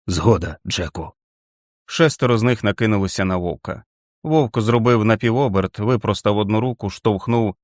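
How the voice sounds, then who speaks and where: A man narrating an audiobook in a steady, dramatic reading. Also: lowish voice, no room sound, studio quality.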